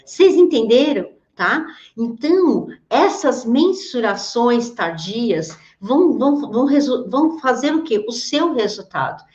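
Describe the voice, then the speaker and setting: Brazilian woman, brisk live-stream coach, higher voice, roomy and slightly muffled audio. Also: big pitch swings, a little mellow. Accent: Brazilian Portuguese. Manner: fast talker, admits rushing her words; peppers sentences with tag questions. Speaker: host of a live coaching session for health professionals. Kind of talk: live-streamed teaching talk.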